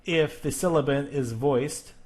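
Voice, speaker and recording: A man teaching an English grammar and pronunciation lesson. He explains patiently, step by step, checks in often with "okay?" and repeats example words slowly. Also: on the high side, a little mellow.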